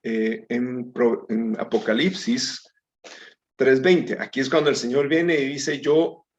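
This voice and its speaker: A man's voice: mid-range voice, fairly even intonation, slow, a little mellow. A man teaching a Bible study in a conversational way, calling his listeners brethren and reading scripture aloud. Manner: reads scripture aloud with small slips. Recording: dull lo-fi recording.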